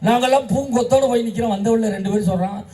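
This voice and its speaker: A man who is a schoolteacher and debate moderator, telling jokes in a humorous stage speech and shouting his punchlines. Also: very high voice, rapid-fire, far from the mic. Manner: joking storyteller, bursts into shouted punchlines.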